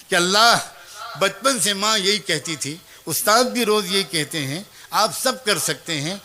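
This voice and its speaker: A man's voice: high-pitched, pushed and bright. A man preaching a storytelling sermon, earnestly telling a moral tale and speaking directly to mothers and young people, acting out the people in the story. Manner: acts out the child, teacher and mother in the story.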